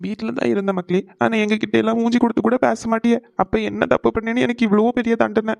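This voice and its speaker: A man's voice: sits high, steady tone, brisk, mellow, dry recording, lightly acted. A man doing a tearful cartoon father. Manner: pleading, calls his sons "people". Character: tearful, emotional middle-aged father. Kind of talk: cartoon voice acting.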